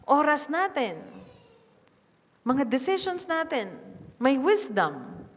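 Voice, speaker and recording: A woman's voice: sits high, big pitch swings, slow pace. Filipino woman preaching in a church hall. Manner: mixes English into Tagalog, asks the congregation questions. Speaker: pastor. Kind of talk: sermon. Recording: long reverb of a church hall.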